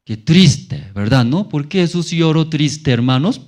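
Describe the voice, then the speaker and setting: With a voice on the high side, a male pastor gives a slow, lively Sunday sermon in church. He engages the congregation in call-and-response, asking them question after question.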